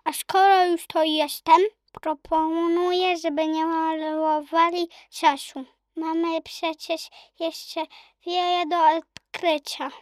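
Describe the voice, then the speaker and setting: A woman's voice: very high-pitched, level tone, slow, dry recording. A woman voicing a dashing, courtly male cat with a French accent in a children's audiobook. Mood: gallant. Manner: courtly, grandiose.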